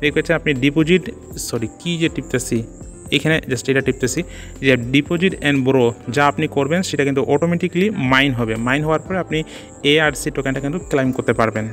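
A man narrating a casual screen-recorded tutorial, talking quickly and filling his speech with "so", "just" and "okay?" checks. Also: a little high, a bit bright, faint music behind. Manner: rapid, peppers speech with "so", "just" and "ঠিক আছে?". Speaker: crypto tutorial channel host.

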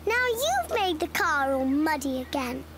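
A woman's voice: sits high, big pitch swings, measured pace, slight background noise, heavily acted. A performer playing a cheerful, bossy little girl piglet in a cartoon, chirpy and childlike. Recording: cartoon with loud music underneath.

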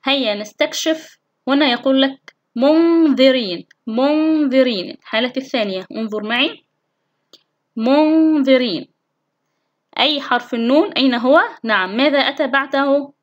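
A woman's voice: high voice, a bit bright, highs cut off. A woman teacher giving a recorded recitation lesson to children, asking questions and answering them herself. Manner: recites example words slowly and carefully.

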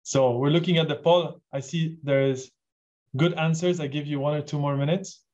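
A man's voice: fairly high pitch, steady tone, moderate pace, a little mellow. A man in his forties from Switzerland, hosting an online session in a chatty, enthusiastic way and asking the audience questions. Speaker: webinar host. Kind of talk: casual presentation on a video call. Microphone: video call. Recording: dull lo-fi video call audio.

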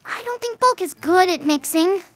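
A woman's voice: very high-pitched, lively intonation, moderate pace. Synthetic female voice of a chatty cartoon filly. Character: young filly pony watching and commenting. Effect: text-to-speech voice.

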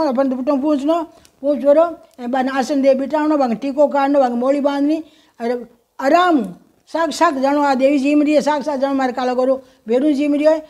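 A woman with a Rajasthani accent explaining a home ritual in a folksy, motherly way, chanting mantras slowly in a sing-song voice. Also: high voice, dark tone. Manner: folksy, motherly, addresses viewers as children. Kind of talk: instructional talk with mantra chanting.

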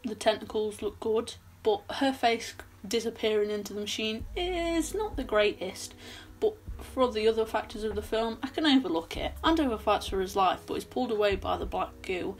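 A woman's voice: mid-range voice, moderate pace. A young woman recapping a horror film in a casual, chatty way with sarcastic asides, filmed in a small bedroom at her desk. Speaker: film reviewer.

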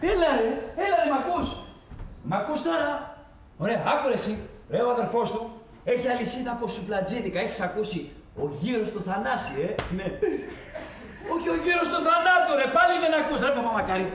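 A brash, hustling undertaker barks slang down a bad phone line. His voice sits high and bounces around a roomy space. The delivery is blunt and pushy. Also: lively intonation, a little hiss or hum. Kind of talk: film comedy acting.

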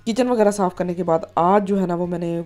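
A woman's voice: on the low side, fairly even intonation, quick pace, warm tone. Chatty woman. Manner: chatty, many filler phrases. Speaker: vlogger. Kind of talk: casual vlog narration.

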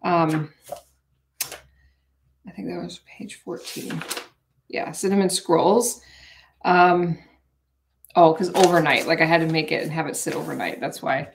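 A woman's voice: deep voice, steady tone, measured pace, creaky, long pauses, a little hiss or hum. A woman in her forties, chatting in a rambling, casual way with viewers while baking live in her home kitchen, picked up by a camera on the counter. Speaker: vlogger hosting a live cooking stream.

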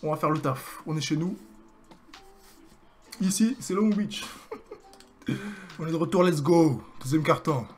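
Excitable young French gaming streamer. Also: male voice, on the high side, unhurried, long pauses. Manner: excitable, joking, hyping his own plays. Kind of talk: live gameplay commentary.

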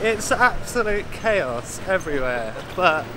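Holding his camera at arm's length, a travel vlogger in his thirties chats informally and enthusiastically on busy night streets. He speaks a little slowly in a high voice with big pitch swings, and the background is noisy.

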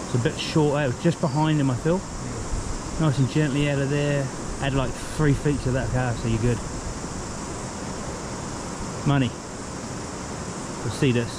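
A man in his thirties with a New Zealand accent, chatting casually and excitedly while fly fishing by a river, recorded on an action camera outdoors. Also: medium pitch, a little slow, pauses often, noisy background. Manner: excited exclamations, relaxed slangy talk.

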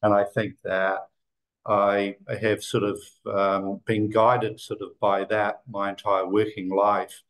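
A man's voice: on the low side, level tone, takes it slowly, fairly bright tone, poor audio. A man in his sixties from New Zealand, a guest talking casually on a video call and rambling with many fillers and restarts. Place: office room indoors.

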